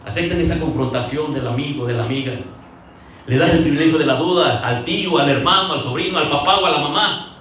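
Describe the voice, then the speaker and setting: The man's voice is fairly high, quick and a bit bright as he delivers a sermon in a chatty, storytelling style, performing the quotes he cites. Faint ambient noise surrounds the distant recording in an echoey hall.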